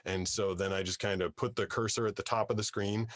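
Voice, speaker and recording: A man who does voiceover work, telling his story in an interview from his soundproof booth into a studio mic. He talks in a lively, storytelling way and often restarts his sentences. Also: fairly low pitch, brisk, no echo. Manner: animated storyteller, repeats words when starting sentences. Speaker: voiceover artist, guest. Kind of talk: conversational interview. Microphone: studio microphone.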